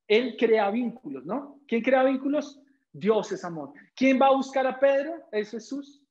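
A young man preaching a sermon as pastor, firing rhetorical questions and dropping to a hush when quoting Jesus. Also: extremely high pitch, expressive, measured pace, dull audio. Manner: drops to soft, quiet tones when quoting Jesus.

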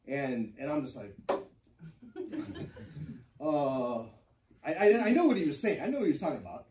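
A man's voice: on the high side, very animated, moderate pace, darkish tone, a little hiss or hum. A man teaching a church Bible class, telling a personal story with many ums and restarts. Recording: echoey room, mic from far off.

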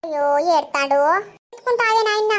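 A woman's voice: very high-pitched, lively intonation, fairly quick, heavy background noise. A woman voicing a tired, fussing mother-in-law in a village cartoon, with a Telangana Telugu accent and a fretting, grumbling way of talking.

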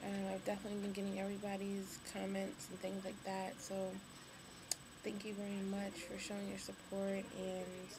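A young woman speaking casually to camera, tired and weak after surgery, low on energy and hesitant. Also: completely flat delivery, moderate pace. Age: young adult. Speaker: vlogger. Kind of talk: casual video diary. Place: hospital room. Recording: clearly noisy webcam recording, room ambience.

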